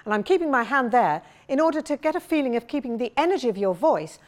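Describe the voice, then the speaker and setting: A woman voice coach leading a vocal warm-up, encouraging and demonstrating sounds with big slides and shouts. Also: sits high, lively intonation, fast talker.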